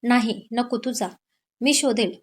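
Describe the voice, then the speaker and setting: A woman voicing a restless, lovesick young man in an audio story, speaking slowly and softly. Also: fairly high pitch, slightly rough. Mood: evasive. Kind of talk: Marathi audio story narration.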